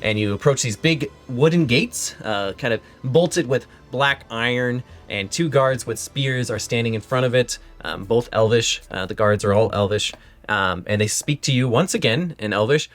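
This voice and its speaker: A man's voice: mid-range voice, normal speed, fairly bright tone. A man narrating as game master, describing scenes in a rambling way with many fillers.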